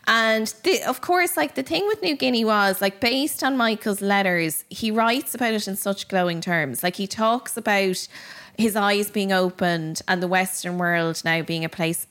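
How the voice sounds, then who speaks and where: A woman's voice: medium pitch, normal speed. Chatty woman telling a story. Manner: animated, chatty, lots of fillers. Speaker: podcast host. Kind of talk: casual storytelling chat.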